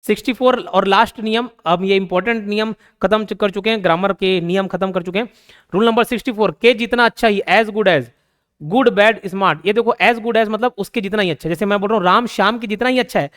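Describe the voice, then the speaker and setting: A young man with a Hindi accent teaching grammar, explaining patiently, repeating key points and reading English example sentences slowly. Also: high voice, a bit bright. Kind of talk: grammar lesson.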